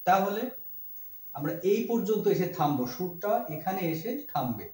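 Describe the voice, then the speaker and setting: A man teaching Sanskrit verse pronunciation, slowly breaking words into letters and chanting the lines. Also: high-pitched, animated, darkish tone. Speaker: Gita recitation teacher. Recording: roomy echo, mic far off.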